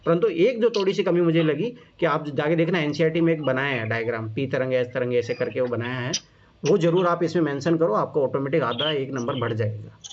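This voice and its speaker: A man's voice: a little high, a little fast. Casual Hindi-speaking male exam coach. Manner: repeats reminders, casual and encouraging. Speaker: exam coach reviewing answer copies. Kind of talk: informal coaching talk. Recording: muffled lo-fi sound with clear background noise.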